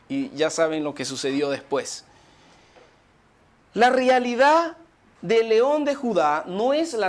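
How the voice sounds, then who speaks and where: Chilean preacher with lively dramatic swings. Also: male voice, high voice. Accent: Chilean Spanish. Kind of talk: sermon.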